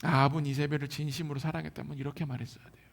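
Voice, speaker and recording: A male pastor preaching a sermon in a lively, colloquial way, often acting out the people he quotes. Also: fairly high pitch, very fast, vocal fry. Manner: animated, colloquial preaching that acts out quoted voices. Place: church hall.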